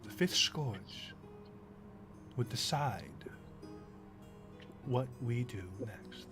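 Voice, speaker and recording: A man narrating a tabletop game as game master in a slow, deliberate storytelling manner. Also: medium pitch, lively intonation, music in the background.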